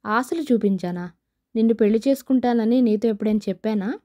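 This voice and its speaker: A proud young rich woman snaps back in curt, scornful lines, as a woman narrator voices her. The voice sits fairly high and sounds dark and mellow. It is a character in a spoken audio novel. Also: fairly quick, natural voice.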